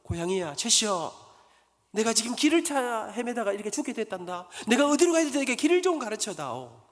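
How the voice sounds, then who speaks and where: A man's voice: sits high, sing-song, a little fast, in a large hall. A man voicing a lost, breathless young girl who pleads for directions. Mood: pleading. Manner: gasping, pleading.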